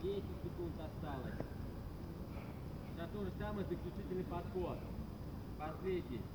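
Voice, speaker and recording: A man's voice: high voice, animated, moderate pace. A man coaching a group workout on a grass field, giving short, commanding, repeated instructions and counts. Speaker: fitness coach leading group training. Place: outdoors on a grass sports field. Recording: noisy outdoor recording with vehicle sounds.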